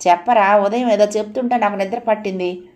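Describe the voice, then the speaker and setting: A woman voicing a calm, kindly elderly father who speaks gently in an audio novel. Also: medium pitch, a little fast, lightly acted. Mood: gentle.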